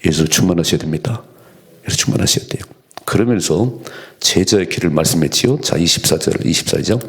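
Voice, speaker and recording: A man's voice: low-pitched, animated, a little fast. A man preaching an early-morning prayer sermon as pastor, earnest, lifting his voice when he acts out quoted lines.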